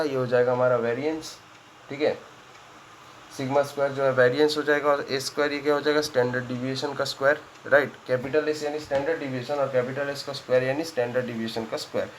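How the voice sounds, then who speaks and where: A man's voice: medium pitch, a bit bright, low-quality recording. A man teaching a statistics lesson, working sums aloud and checking in with his students after nearly every step. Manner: conversational, checks in often with "ठीक है?", works sums aloud. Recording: faint background noise.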